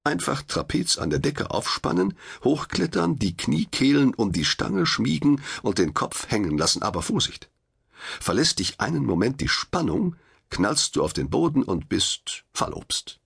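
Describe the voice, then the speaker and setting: Gravelly, lively male audiobook narrator. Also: mid-range voice, normal speed. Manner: wry, expressive, confiding first-person telling. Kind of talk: first-person audiobook narration.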